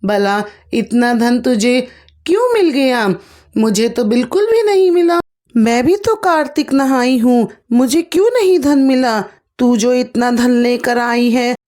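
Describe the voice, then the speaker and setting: Woman putting on a bitter old mother-in-law, scolding, slow, higher voice. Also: expressive, darkish tone. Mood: accusing.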